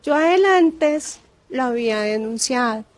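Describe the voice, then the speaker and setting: A woman guest in an interview, recounting her experience earnestly and emotionally, often pausing on fillers and repeating herself. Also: high voice, lively intonation, dry recording. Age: adult with grown daughter. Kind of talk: personal testimony in an interview.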